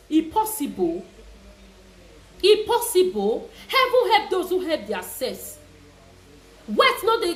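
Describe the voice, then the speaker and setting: A woman's voice: very high-pitched, a bit bright, roomy sound. A woman speaking Nigerian Pidgin English, a vlogger lecturing her subscribers about a hotel theft in a scolding, preachy way. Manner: scolding, preachy, then affectionate. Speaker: vlogger commenting on a viral video. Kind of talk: casual commentary to subscribers.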